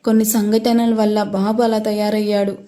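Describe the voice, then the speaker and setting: A woman voicing an elderly, motherly nanny who speaks gently and soothingly in a narrated story. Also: mid-range voice, flat delivery, moderate pace, lightly acted. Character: elderly woman, the family's warm old nanny.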